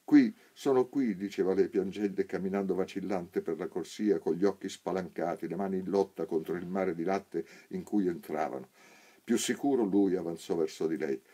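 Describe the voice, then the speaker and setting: A man narrating a literary audiobook with a very low, dark voice. His tone is husky and mellow, and he tells the story at an unhurried, measured pace. He lifts his pitch when quoting characters. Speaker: actor reading a novel aloud.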